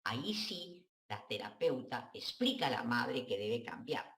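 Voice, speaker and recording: A woman's voice: very deep voice, very animated, unhurried, a bit bright, echoey room. A woman psychoanalyst, giving direct, frank advice to a listener on a talk show.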